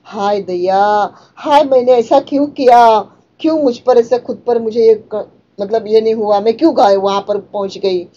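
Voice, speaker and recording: A woman voicing a remorseful old woman lamenting to herself in a slow, drawn-out way. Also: on the high side, dark tone, muffled recording, natural voice.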